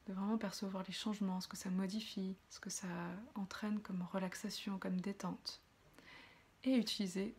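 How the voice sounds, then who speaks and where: A woman with a medium-pitched voice leads a guided breathing exercise. She addresses listeners directly as a relaxation coach. Her explanations come gently, one phrase at a time.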